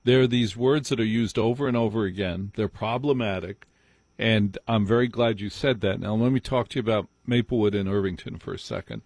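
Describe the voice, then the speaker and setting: This American talk radio host from New Jersey speaks a little fast on his live call-in program, his fairly low voice a bit mellow and free of echo. He talks emphatically and repeats phrases for effect.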